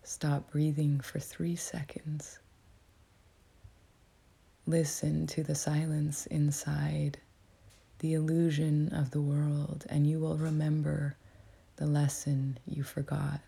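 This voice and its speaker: A woman with a cold and a nasal voice, softly half-whispering as she guides a meditation in a small cabin. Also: low-pitched, gravelly, husky. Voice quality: soft, half-whispered delivery. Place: writer's cabin with a crackling fire.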